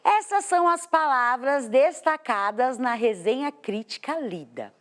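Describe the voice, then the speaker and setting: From a TV studio, a woman with a Brazilian Portuguese accent teaches a televised class, explaining things step by step and putting questions to her students. Her high voice is expressive and unhurried, captured on a studio microphone.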